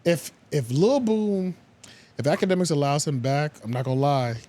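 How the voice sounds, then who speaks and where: A man's voice: on the high side, lively intonation, normal speed, dark tone, a little hiss or hum. A man co-hosting a casual podcast, chatting animatedly, laughing and swearing freely. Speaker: podcast co-host. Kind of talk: casual chat.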